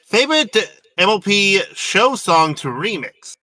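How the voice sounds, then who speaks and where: A man's voice: high voice, sing-song, measured pace, pushed and bright. A man hosting a casual online panel, talking hesitantly with many fillers and restarts. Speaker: panel host.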